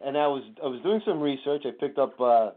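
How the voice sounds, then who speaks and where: A man's voice: mid-range voice, fairly quick. A man speaking as a chiropractor guest on a radio show, explaining in a friendly way with jokey asides. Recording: tinny phone-line sound.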